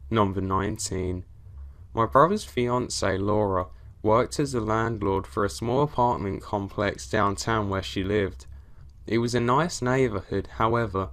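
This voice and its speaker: A man with a fairly low voice narrates horror stories sent in by readers. He reads from a script and keeps his delivery steady and even from one line to the next.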